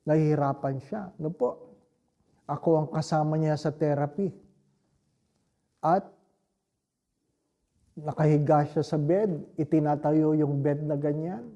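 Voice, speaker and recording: A Filipino priest preaches a homily, his voice very dark and mellow and pitched a little high for a man. He tells his story at an unhurried, deliberate pace and keeps checking in with the congregation. The sound is slightly dull and lo-fi. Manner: slow, reflective storytelling with frequent rhetorical asides.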